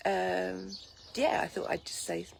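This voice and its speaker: A just-woken vlogger from Lincolnshire, England, chats unhurriedly to her live viewers from outside in her garden. Her voice sits on the low side and is croaky, and she rambles with many ums. Her phone captures loud birdsong, a light breeze and slight background noise.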